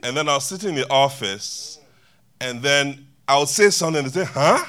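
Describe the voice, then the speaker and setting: A man's voice: mid-range voice, moderate pace, pushed and bright. A man preaching a sermon to a church congregation in a loose, conversational way, joking and chatting with the people in the pews. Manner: conversational, laughing, banters with congregation.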